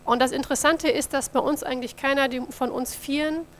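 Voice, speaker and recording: A woman's voice: high voice, fairly even intonation, fairly quick, a little hiss or hum. A woman from Germany, a mission office coordinator, giving a friendly church presentation about her work and talking directly to the audience. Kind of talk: church mission report with slides.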